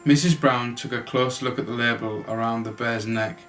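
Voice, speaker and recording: A father reads a children's storybook aloud for his family as an amateur narrator, now and then stumbling and correcting himself. His voice is medium-pitched and a bit bright, with a steady tone and moderate pace, and music plays in the background.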